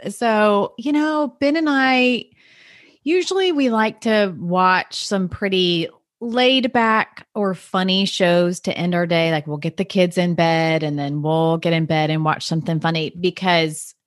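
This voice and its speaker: Easygoing, lower-voiced woman co-host. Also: unhurried, no room sound, clean studio sound. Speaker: podcast co-host. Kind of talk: casual chat.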